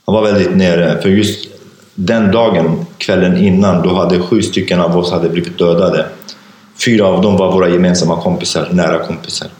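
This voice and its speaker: Casting: man with a very deep voice, halting testimony, recorded in a reverberant room. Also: steady tone, a little mellow. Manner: halting, many fillers and restarts. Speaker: interview guest, author. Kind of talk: personal testimony in an interview. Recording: echoey room.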